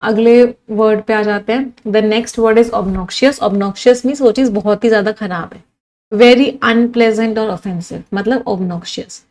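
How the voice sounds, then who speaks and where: A woman's voice: a little high, fairly even intonation, slow pace, a little mellow, rough recording. Indian woman teaching English vocabulary. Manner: lists words one by one, quizzes students. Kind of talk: online vocabulary lesson.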